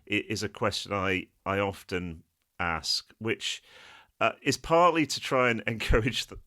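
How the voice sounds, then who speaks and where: Bright-toned man hosting a podcast. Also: fairly low pitch, expressive, measured pace. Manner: friendly, frequent "uh" fillers. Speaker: podcast host. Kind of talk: casual podcast chat. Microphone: video call.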